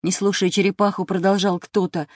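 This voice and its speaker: A woman narrating a radio play fairy tale in a calm, even storytelling manner. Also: medium pitch, a little fast, no echo, studio quality. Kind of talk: scripted narration.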